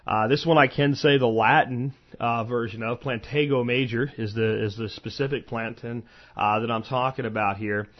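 An American man from the eastern United States, Florida and Pennsylvania, hosts a solo podcast about medicinal plants. His medium-pitched voice is steady and at a normal speed as he talks informally, rambling through asides and personal memories. The audio is dull and lo-fi.

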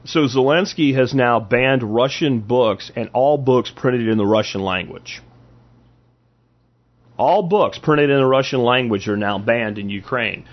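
A man's voice: medium pitch, measured pace, lo-fi sound. A man hosting a podcast, delivering an opinionated political monologue in an emphatic way, with rhetorical questions and repeated phrases. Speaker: podcast host.

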